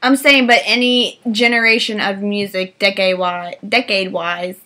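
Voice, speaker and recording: A woman's voice: medium pitch, fairly even intonation, moderate pace, bright, forceful tone. A young woman co-hosting a book vlog, chatting casually through a tag and often laughing. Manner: giggly, bursts into laughter. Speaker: book vlogger co-host. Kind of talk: casual chat answering a tag.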